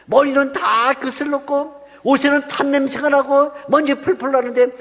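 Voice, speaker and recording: A man's voice: extremely high pitch, fairly even intonation, normal speed, a bit bright, pitched above the performer's own voice. A man voicing a scornful male devil who mocks and taunts in a sermon. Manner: mocking, taunting. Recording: long church hall reverb.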